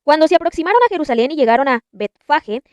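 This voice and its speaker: A woman reading scripture aloud in a measured, deliberate narration. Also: high voice, lively intonation, darkish tone, no room sound. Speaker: Bible narrator.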